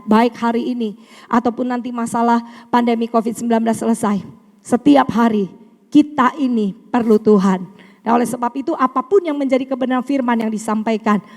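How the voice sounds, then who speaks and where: A middle-aged woman preaching a sermon, animated and often calling out to the congregation. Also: sits high. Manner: animated, addresses congregation as saudara. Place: church hall. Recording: long church reverb.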